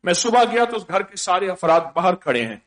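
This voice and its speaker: A man giving a sermon full of anecdotes, repeating phrases for emphasis and swinging from loud stresses to hushed murmurs. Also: high voice, sing-song. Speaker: religious speaker.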